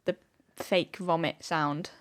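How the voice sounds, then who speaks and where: A woman co-hosting a casual film podcast, chatty and quick to laugh. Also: sits low, steady tone. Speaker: podcast co-host.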